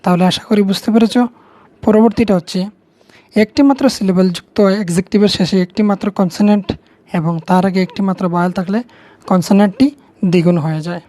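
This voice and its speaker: A woman's voice: medium pitch, fairly even intonation, fast, dark tone. A woman with a Bengali accent, patiently explaining English grammar to students step by step, repeating key words. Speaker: teacher.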